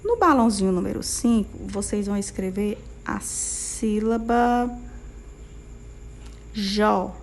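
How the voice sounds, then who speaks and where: A primary school teacher in her young adult years, speaking with a Brazilian Portuguese accent, dictates syllables patiently and slowly to little children in a sing-song voice. Her pitch is medium, she checks in often, and there's a little hiss or hum.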